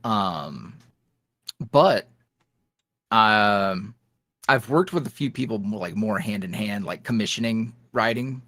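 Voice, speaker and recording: On a podcast, a man who produces ASMR roleplays chats casually, trailing off, restarting, and laughing between thoughts in a loose, animated manner. His voice is on the low side, and he speaks slowly, pausing often. The audio has no echo and clean studio sound.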